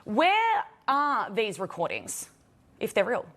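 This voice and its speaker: A woman anchoring a news interview, reading setups and questions in a measured way. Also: on the high side, huge pitch swings, fairly bright tone.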